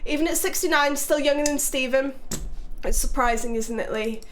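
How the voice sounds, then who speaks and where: English girl streamer, high voice, talks to chat, swears a lot, teases people. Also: a little hiss or hum. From England. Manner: chatty and sweary, quick laughs, playful teasing. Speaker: livestream host. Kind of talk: casual live stream chat reading comments.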